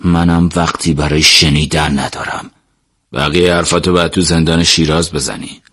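A man voicing a stern, mocking male interrogator in an audiobook, speaking low and measured. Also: little pitch movement, fairly bright tone, slightly rough, heavily acted. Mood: cold.

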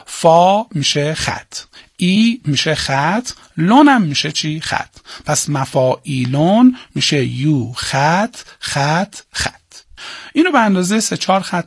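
A male teacher giving a lesson and dictating to students, chanting syllables slowly and spelling them out. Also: on the high side, creaky, husky, no echo, clean studio sound. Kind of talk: classroom lesson on Persian prosody.

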